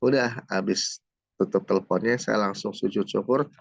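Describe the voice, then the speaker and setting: A middle-aged man from Jakarta tells his personal story as a guest, in a low, gravelly voice with a lot of vocal fry. He acts out the dialogue as he goes. The recording is dry and a little muffled. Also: moderate pace, dry recording. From Jakarta, Indonesia. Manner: storytelling, acts out dialogue, many "gitu kan" tags. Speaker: guest, certified trainer. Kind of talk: personal testimony in an interview.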